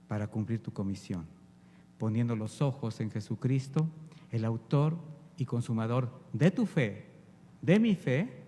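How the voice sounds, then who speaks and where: A man delivers a sermon from the pulpit, his mellow voice climbing to loud exhortation and then falling to hushed, earnest appeals. The sound rings out with the long reverb of a church hall. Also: lowish voice, slight background noise. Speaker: preacher.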